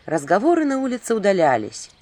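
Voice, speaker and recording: A woman's voice: mid-range voice, wildly swooping pitch, fast talker, darkish tone. Woman narrating a wry audiobook. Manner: wry, ironic storytelling. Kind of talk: first-person scripted narration.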